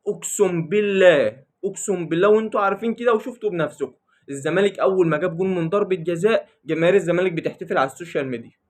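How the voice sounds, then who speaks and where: A man with an Egyptian accent delivers a casual football commentary vlog at a breakneck pace. His voice sits somewhat high, and he teases and taunts, repeating his jabs over and over. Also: racing. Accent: Egyptian Arabic. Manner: mocking, teasing, repeats his lines. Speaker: football vlogger.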